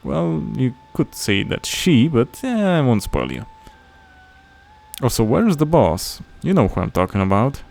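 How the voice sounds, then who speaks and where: Gravelly guy doing slow wry let's play commentary, game music under him. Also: medium pitch, sing-song, darkish tone. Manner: slow, wry, rambling asides.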